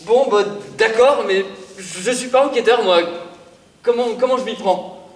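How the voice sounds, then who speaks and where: Bumbling apprentice played by a man: high voice, hesitant protests, theatrical, echoey distant pickup. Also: unhurried. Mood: flustered. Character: reluctant, bumbling pupil of a scholar. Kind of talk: theatrical stage acting. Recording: echoey theatre hall from far off.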